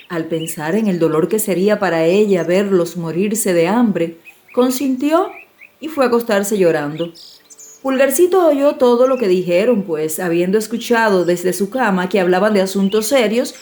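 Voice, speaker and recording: A fairy tale is narrated by a woman for a scripted audiobook, delivered at medium pitch in a measured, expressive storytelling style.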